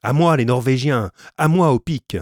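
A man reading the part of a scheming ship's first mate, answering coldly and defiantly in a low voice. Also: big pitch swings, normal speed, mellow, slightly rough, no room sound, clean studio sound. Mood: shouting.

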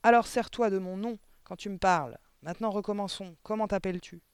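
Man playing a tyrannical headmistress in a storybook reading, loud contemptuous bark, dry close sound. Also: high voice, a little fast, clear, resonant tone, dry recording, pitched above the performer's own voice. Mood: furious. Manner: barking, contemptuous shouting. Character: huge furious tyrannical headmistress barking at children.

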